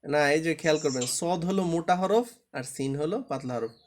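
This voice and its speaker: A man's voice: on the high side, fairly quick, slight background noise. Patient man drilling letters aloud. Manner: patient, drills letters aloud, asks the class to check understanding. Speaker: Quran reading teacher. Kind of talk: online class lesson.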